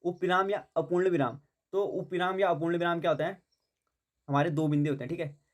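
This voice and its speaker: Man, grammar teacher, fairly high voice, exam-prep lesson, self-answered questions, repetitive, English words mixed in. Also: fairly even intonation, a little fast. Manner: repeats points, asks and answers own questions, fills with "theek hai"; mixes English words into Hindi.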